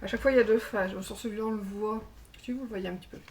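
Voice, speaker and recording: A woman's voice: mid-range voice, fairly even intonation, very fast. Lady chatting through craft haul, lots of euh, bit far from mic, faint hiss. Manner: chatty, hesitant, many fillers. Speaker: crafting YouTuber. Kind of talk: casual show-and-tell haul.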